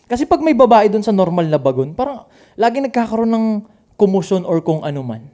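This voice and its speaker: Male co-host, high pitched and warm, loose and profane. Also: brisk. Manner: swears a lot, animated. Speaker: podcast co-host. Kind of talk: casual chat.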